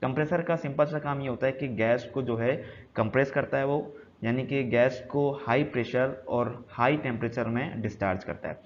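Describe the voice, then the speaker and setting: A man teaching a technical lesson from slides, explaining slowly and repeating key points, switching between Hindi and English terms. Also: mid-range voice. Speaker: HVAC instructor. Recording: dull lo-fi sound with faint noise.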